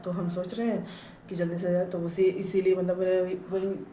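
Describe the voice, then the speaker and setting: A woman's voice: on the low side, level tone, normal speed, dark tone, slight background noise. Chatty woman vlogging at home. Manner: chatty, rambling, many fillers. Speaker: family vlogger. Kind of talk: casual home vlog chat. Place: home, indoors.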